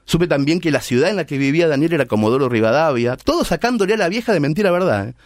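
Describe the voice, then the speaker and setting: A man's voice: a little high, lively intonation, fast, no room sound, clean studio sound. A middle-aged man with an Argentine accent telling a story in a playful, conversational way. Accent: Argentine Spanish. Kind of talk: storytelling monologue.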